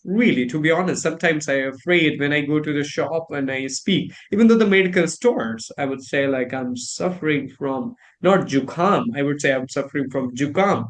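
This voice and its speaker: Animated Indian man, high voice. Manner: animated storytelling, acts out reactions. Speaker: host. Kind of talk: casual chat about pronunciation.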